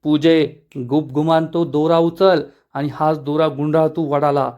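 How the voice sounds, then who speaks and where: A man's voice: fairly high pitch, little pitch movement, unhurried, a little mellow, lo-fi sound, natural voice. A man reading a scolding young wife. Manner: scolding, commanding. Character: angry scheming young wife, sharp-tongued woman.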